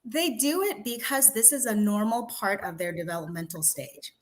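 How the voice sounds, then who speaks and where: A woman's voice: mid-range voice, moderate pace. A woman pediatrician from Zambia, answering interview questions in an earnest, explanatory way. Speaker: pediatrician, guest.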